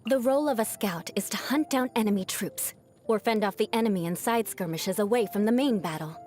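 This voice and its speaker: A woman voices a proud young aristocratic knight in scripted video game lines, haughty, formal and teasing, with a vengeful streak hiding a caring side. Her mid-range voice is fairly quick and a little mellow, lightly acted over soft background music. The mood is proud and reflective.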